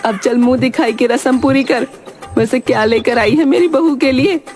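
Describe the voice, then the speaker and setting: A woman voicing a teasing, sharp-tongued middle-aged mother-in-law in a cartoon, speaking in a mocking tone over background music. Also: high-pitched, moderate pace, natural voice. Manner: mocking, jeering.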